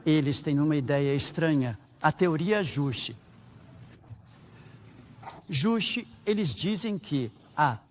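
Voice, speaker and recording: A man with a Brazilian Portuguese accent preaching a sermon as a pastor, telling stories and voicing prayers aloud with earnest fervor. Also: on the high side. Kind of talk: sermon with personal anecdotes.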